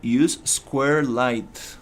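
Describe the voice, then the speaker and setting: A man from Costa Rica gives casual live-stream commentary on his game development work, speaking extremely slowly at medium pitch with a steady tone. He thinks aloud, with many fillers and restarts along the way.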